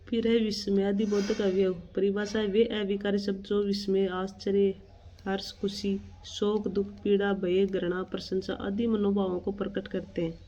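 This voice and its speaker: A woman's voice: medium pitch, vocal fry, warm tone. A woman teaching an exam-prep grammar lesson, reading out definitions and examples and explaining them plainly. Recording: dull lo-fi recording with faint ambience.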